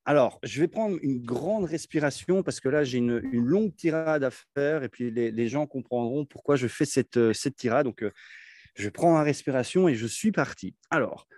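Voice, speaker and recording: A man's voice: medium pitch, normal speed, darkish tone, no echo, studio quality. A man hosting a podcast interview, chatty and rambling, with lots of fillers and restarts. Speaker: podcast host. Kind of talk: podcast interview with scripted intro.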